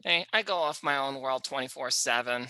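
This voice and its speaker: A man's voice: medium pitch, a little fast, bright, forceful tone, clean tone, no room sound, low-quality recording. A man from Canada chatting casually as an interview guest, answering briefly and matter-of-factly. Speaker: interview guest, reality show superfan. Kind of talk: casual chat.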